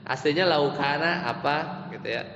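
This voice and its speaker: A man teaching Arabic grammar in an Islamic study class, explaining slowly, repeating terms, and asking and answering his own questions. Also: a little high, vocal fry, fairly bright tone. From Indonesia. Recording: echoey lo-fi hall recording with faint hum.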